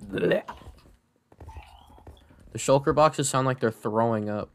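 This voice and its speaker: Brisk, clear and resonant at medium pitch, a man chats casually while playing Minecraft with a friend on a server. The channel host keeps things joking and playful, muttering reactions as he plays.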